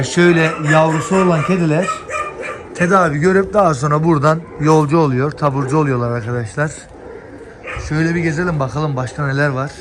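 A man vlogging casually as he walks through an animal shelter, talking straight to his viewers and calming the dogs along the way. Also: a little high. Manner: chatty, addresses viewers directly, talks gently to dogs. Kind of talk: casual walk-and-talk vlog. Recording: noisy outdoor phone video with dogs. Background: dogs barking.

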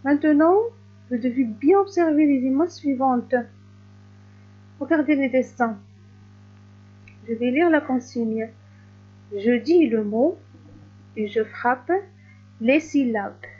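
Female primary teacher for a recorded reading lesson, stretched-out words, mellow tone, dull lo-fi recording. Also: high-pitched. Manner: slow, clearly stretched words, patient.

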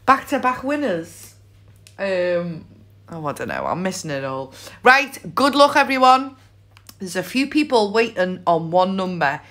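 A woman's voice: mid-range voice, big pitch swings, measured pace, a bit bright. A British woman hosting as a bingo caller, calling numbers and chatting to players in a playful, exclamatory way with sing-song repeats. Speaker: bingo caller and live stream host. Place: indoors at a table.

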